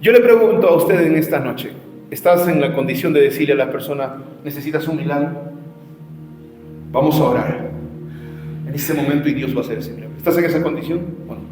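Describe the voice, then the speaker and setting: A man preaching at an evangelism seminar, passionate, swinging from shouted challenges to quiet storytelling. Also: on the high side, brisk. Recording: echoey hall with faint music.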